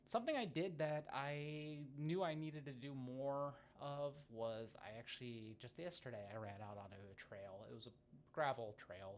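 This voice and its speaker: An American man rambling casually to viewers as a running vlogger, halting and self-deprecating, often drifting into asides. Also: mid-range voice. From United States. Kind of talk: casual, rambling vlog chat. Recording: faint ambient background noise.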